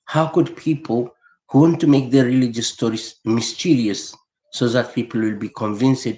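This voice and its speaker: A man's voice: mid-range voice, steady tone, moderate pace, dark tone. A man delivering a rambling, profane, heated monologue, often repeating words as he searches for them. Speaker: vlogger. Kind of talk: unscripted monologue rant. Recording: echoey room.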